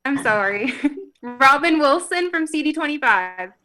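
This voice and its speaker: High, bright woman calling a slow roll. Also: animated. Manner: slow, careful reading of names, with apologetic asides and laughs. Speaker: meeting roll-call reader. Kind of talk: reading a roll call on a video call. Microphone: video call.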